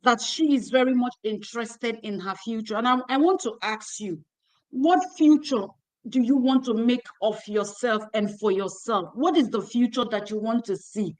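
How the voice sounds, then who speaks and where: A woman, her voice set a little high, urges her young listeners on with preacherly repetition. She hosts a ministry livestream, speaking into a phone held in her hand. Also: moderate pace, a little mellow, low-quality recording. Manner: exhortative, preacherly, repeating phrases. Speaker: host. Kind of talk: closing remarks on a livestream.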